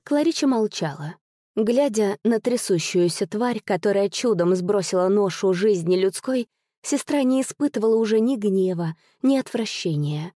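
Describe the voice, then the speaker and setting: A woman narrating a literary audiobook in a measured, expressive way. Her voice is mellow and dark, recorded dry and close with no room sound. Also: mid-range voice, dry recording.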